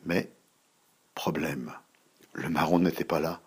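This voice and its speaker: A man softly reading a children's bedtime story, slow and hushed at times. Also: extremely low pitch, fairly even intonation, husky.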